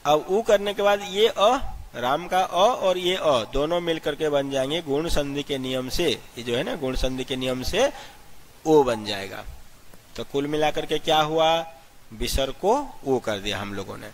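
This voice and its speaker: Guy teaching grammar, slightly high voice, explains step by step, spells letters out one by one. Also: measured pace, a little hiss or hum. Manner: explains step by step, asks and answers his own questions. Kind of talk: classroom-style grammar lesson.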